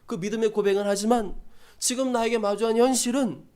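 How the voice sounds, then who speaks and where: A man's voice: very high-pitched, fairly even intonation, a little fast, darkish tone, smooth. A man preaching a sermon as a pastor, conversational and emphatic, with repeated phrases and rhetorical questions to the congregation.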